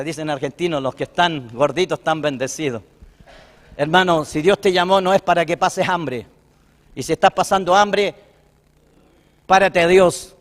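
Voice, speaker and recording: Chilean pastor guy preaching, pretty high voice, chatty folksy sermon, long church echo. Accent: Chilean Spanish.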